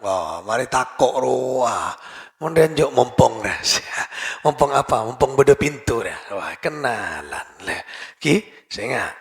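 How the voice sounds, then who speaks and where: A man giving a lively study lecture in a mosque, swinging between loud bursts and soft asides. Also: mid-range voice, slow, creaky. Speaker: preacher.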